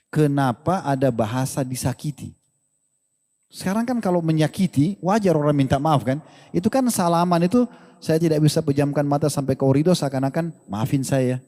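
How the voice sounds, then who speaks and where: A man giving a lively religious lecture to an audience, asking rhetorical questions and joking. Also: on the high side, brisk. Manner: animated, rhetorical questions, jokes and laughs with the crowd. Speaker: Islamic preacher. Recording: long hall reverb.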